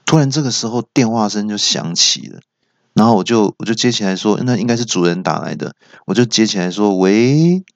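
A young man with a Taiwanese Mandarin accent, hosting a solo comedy show and telling self-mocking stories in an animated way. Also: fairly quick, gravelly, no room sound, muffled recording. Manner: animated, self-mocking, jumps into high voices. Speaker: talk show host. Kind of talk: solo stand-up storytelling.

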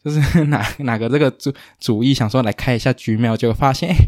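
A man hosting a podcast, telling anecdotes in a rambling, casual way with quick asides. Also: mid-range voice, darkish tone, no echo, clean studio sound. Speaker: podcast host. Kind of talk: casual chat.

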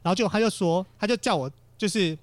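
A man's voice: high-pitched, fast, no room sound. A man, telling a story in casual chat and acting out the voices he quotes.

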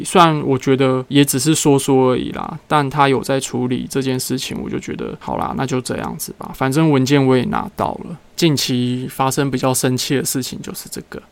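A man's voice: medium pitch, creaky, smooth, dry recording. A young man hosting a casual solo podcast, telling everyday stories and acting out what people said. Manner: chatty storyteller who acts out what people said. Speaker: podcast host.

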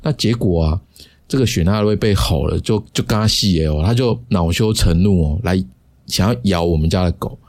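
A man hosting a casual solo podcast, chatty and sprinkled with drawn-out particles. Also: sits low, darkish tone. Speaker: podcast host.

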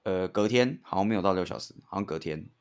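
A man's voice: sits low, quick pace, smooth. A man with a Taiwanese Mandarin accent co-hosting a podcast in casual, bantering conversation. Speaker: podcast co-host.

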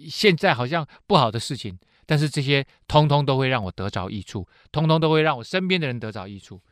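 A man hosting a Bible teaching program, telling the stories in a chatty, conversational way with drawn-out filler particles and acting out the characters' lines. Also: medium pitch, no echo, clean studio sound. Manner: lively storyteller who acts out quoted speech.

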